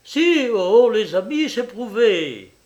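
Man playing a hoarse young butcher, big, rough, anxious, audiobook. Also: fairly high pitch, steady tone, a little slow, highs cut off, close to an everyday voice. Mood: anguished. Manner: rough, threatening then fearful.

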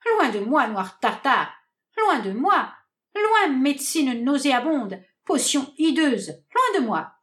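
A woman's voice: high-pitched, very animated, slow, reverberant, full character voice. A woman voicing a harsh, scornful young man rejecting his sweetheart in a read-aloud stage comedy, curt and declamatory. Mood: disgusted.

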